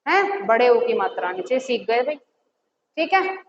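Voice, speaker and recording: Woman teacher, high voice, questions and answers to the class; echoey, slightly dull recording with faint hiss. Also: big pitch swings. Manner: asks the class questions and answers them herself; repeats key words slowly. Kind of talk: classroom lesson.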